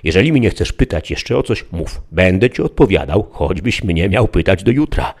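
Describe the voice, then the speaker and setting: A man's voice: low-pitched, very animated, normal speed, a little mellow, exaggerated voice. A man reading a lofty, deluded old knight. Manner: lofty, archaic, declamatory speech. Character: deluded proud knight-errant, older man, solemn and lofty. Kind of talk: audiobook character reading.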